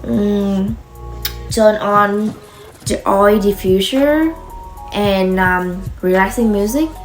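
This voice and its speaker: Speaking to viewers of her vlog, this young woman from Vietnam has a medium-pitched voice and a Vietnamese accent, and she talks gently and slowly with many fillers and false starts. Soft music sits behind her, and the audio quality is poor.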